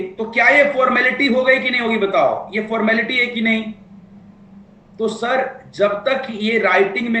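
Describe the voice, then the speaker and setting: A man delivers a classroom lecture in a fairly high voice, joking with his students and stretching out key phrases as he dictates them. The room around him rings with echo. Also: sharp tone. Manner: playful, teasing, dictates points slowly. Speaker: law teacher.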